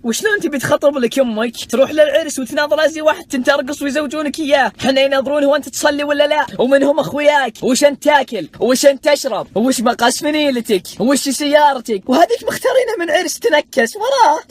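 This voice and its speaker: A woman acting as a sharp-tongued Saudi mother, firing off complaints in a high voice. She scolds at a fast clip. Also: lightly acted. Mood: scolding.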